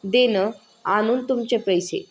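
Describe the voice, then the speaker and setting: Lady doing a desperate village wife, pleads but stands firm, highish voice. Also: slow. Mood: pleading. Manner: pleading, defiant. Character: poor hardworking village wife, proud, desperate.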